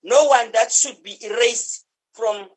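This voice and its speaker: A South African member of parliament reads a formal political speech in an earnest, declarative way. Her voice is fairly high and husky, and she takes her time.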